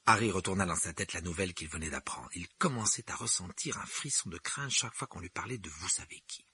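A man calmly narrating a novel in a steady reading voice. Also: quick pace, slightly rough. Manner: calm, lowered narrating voice. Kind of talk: audiobook reading.

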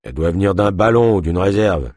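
Steady young fugitive woman, as a male narrator reads her: plain, husky, low-key audiobook voice. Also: a little fast, dry recording, studio quality. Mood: calm. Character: resolute young woman on the run.

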